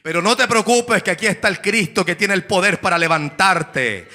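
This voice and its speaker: A male pastor preaching an evangelical sermon, moving between hushed asides and shouted climaxes and calling for amens from the congregation. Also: sits high, normal speed.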